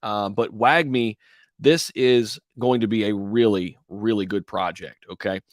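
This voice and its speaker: A man's voice: lowish voice, unhurried, no echo. Male livestream host, crypto bro type: casual promotional patter, slangy, very dry recording.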